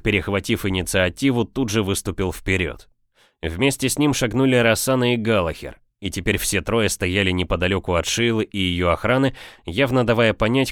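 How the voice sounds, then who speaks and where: Low-voiced male audiobook narrator. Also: dry recording, studio quality. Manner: steady, measured storytelling.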